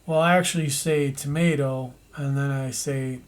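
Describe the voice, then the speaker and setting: A man narrating an animation tutorial, thinking aloud as he works, with pauses and restarts. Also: medium pitch, fairly even intonation.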